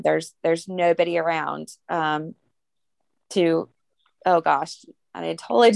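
In a casual podcast chat, a young adult woman co-host spins stories with plenty of fillers and laughs. Her voice is fairly low and gravelly, captured in a dry recording.

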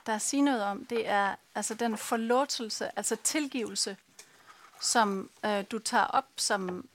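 A woman's voice: mid-range voice, a little hiss or hum. A woman interviewing an author, speaking hesitantly with many filler sounds. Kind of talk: casual conversation.

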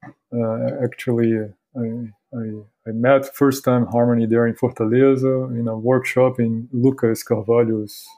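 A man with a Carioca Brazilian accent speaks as a podcast guest in a mellow, relaxed voice at a middling pitch. His English is halting and courteous, with words often repeated as he chats. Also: rough recording. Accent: Carioca Brazilian Portuguese. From Rio de Janeiro, Brazil. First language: Brazilian Portuguese. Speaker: podcast guest, university academic. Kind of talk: casual interview conversation.

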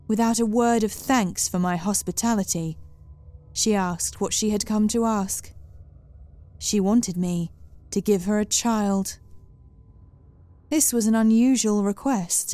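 Woman voicing an old storybook hag, crackling and smug, low and dark, faint music bed. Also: natural voice. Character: wiry old female hag, menacing and smug.

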